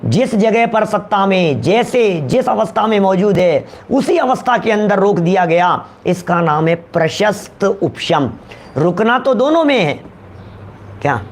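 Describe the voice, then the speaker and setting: A man lecturing a class on scripture, repeating his points and calling on listeners by name, often asking whether they follow. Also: high voice. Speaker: teacher of scripture.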